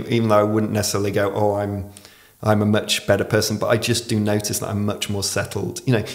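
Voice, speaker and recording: Man in his forties, r's said as w, low pitch, gravelly fry, reflective podcast guest, desk microphone. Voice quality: pronounces r as w. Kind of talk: reflective conversational explanation. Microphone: podcast microphone on desk stand.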